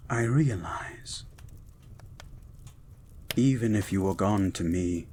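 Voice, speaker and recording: A man voicing a gentle, learned mutant beast as a devoted lover, speaking in a slow, hushed, formal and ardent way in a romantic audio roleplay. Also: fairly low pitch, slight background noise. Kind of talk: romantic poetry reading and intimate audio roleplay.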